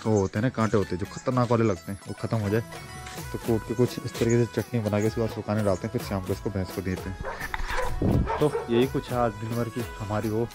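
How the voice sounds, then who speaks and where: In a village house kitchen and stone courtyard, a man in his 20s from Uttarakhand, India, talks quickly and playfully to his vlog viewers in a casual style. His pitch is fairly low and his intonation fairly even, and music is laid under the voice.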